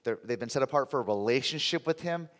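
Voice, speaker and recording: A man preaching a conversational sermon in a deep, under-the-weather voice, with halting, emphatic phrasing. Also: expressive, fairly bright tone. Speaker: pastor. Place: large reverberant room, preaching to a congregation. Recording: reverberant hall sound.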